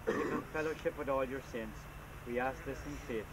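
Solemn priest praying at an outdoor graveside. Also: male voice, mid-range voice, a loud crowd. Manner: measured, formal liturgical delivery. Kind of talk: solemn funeral prayers read at a graveside. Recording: noisy, windy outdoor camcorder recording.

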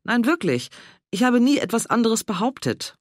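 A gentle, hesitant woman in her sixties, put on by a male reader, answers softly and a little apologetically. The voice sits somewhat higher and moves in a lively way. The sound is dry and close. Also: moderate pace, no room sound. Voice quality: soft-spoken, hesitant and apologetic. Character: mild, hesitant older married woman, easily embarrassed. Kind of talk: audiobook character voice.

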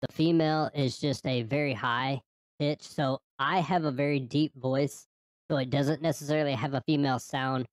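A man reviewing gear, speaking plainly through a voice changer preset that raises his voice high. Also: steady tone, moderate pace, no echo. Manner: plain explanatory talk. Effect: high-pitched "female" voice changer preset. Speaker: tech reviewer. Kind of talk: casual product demo.

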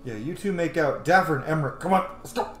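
A gaming streamer in his thirties gives casual commentary while roleplaying through an RPG indoors at home. His fairly high, somewhat bright voice moves fast, and the roomy recording carries faint game music.

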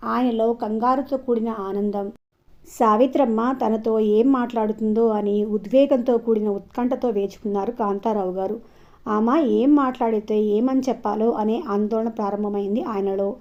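A woman storyteller giving a steady, expressive scripted narration of a story. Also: fairly high pitch, normal speed. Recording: dull lo-fi audio.

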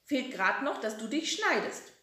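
A woman voicing a bossy older grandmother who nags in a shrill, exasperated way, in a children's story reading. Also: sing-song, measured pace, bright, forceful tone, full character voice. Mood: grumbling. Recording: roomy echo.

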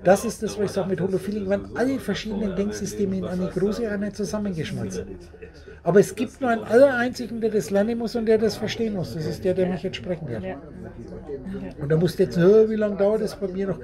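A man's voice: sits high, fast, crowd noise. A man giving a rambling, repetitive spiritual talk to a small group at a meeting, often laughing as he speaks.

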